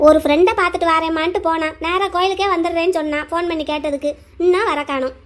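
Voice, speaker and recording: A woman's voice: very high voice, steady tone, fast. A woman voicing a kindly older aunt in a cartoon, talking in a homely, fussing village way. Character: kindly older aunt, busy serving at a temple. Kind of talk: cartoon voice acting.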